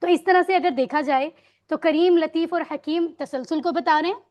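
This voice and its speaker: High-voiced woman teaching grammar. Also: darkish tone. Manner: patient quizzing, drills words with students; mixes English words into explanations. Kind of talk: online Arabic grammar lesson.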